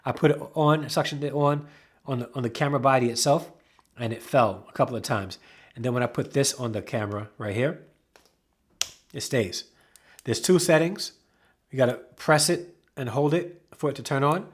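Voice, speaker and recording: A man giving a casual product review, talking excitably with emphatic repeats and self-corrections. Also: medium pitch, normal speed, pauses often, breathy edge. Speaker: camera reviewer.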